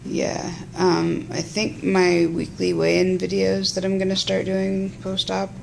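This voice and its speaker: Gravelly, halting woman in a casual vlog. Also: mid-range voice, completely flat delivery, darkish tone. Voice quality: gravelly, creaky. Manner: halting, rambling. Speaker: patient vlogging after surgery. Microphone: phone. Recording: noisy phone recording.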